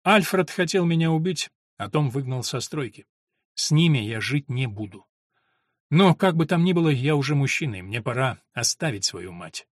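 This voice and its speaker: A man's voice: medium pitch, lively intonation, normal speed, no room sound, clean studio sound, close to an everyday voice. A man voicing a hot-tempered young male stonemason apprentice who lashes out in bursts. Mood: glum. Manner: bursting, accusing outbursts.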